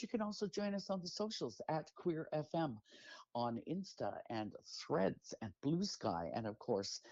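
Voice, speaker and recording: A woman's voice: rumbling low, mellow, slightly rough, dry recording. A woman co-hosting a radio show, reading the intro and plugs in an upbeat announcer manner. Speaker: radio co-host. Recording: dull, dry radio studio audio.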